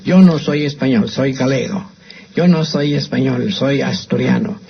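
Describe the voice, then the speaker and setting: An older radio host with a Mexican Spanish accent gives casual, opinionated commentary about language, often restarting his phrases. His medium-pitched voice is husky with vocal fry, a little slow, and the broadcast sounds slightly muffled.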